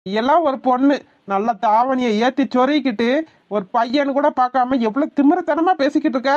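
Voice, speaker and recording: A woman's voice: sits high, brisk, darkish tone, lo-fi sound, close to an everyday voice. A woman voicing a cocky young village man in a cartoon, taunting and sulky. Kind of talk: cartoon voice acting.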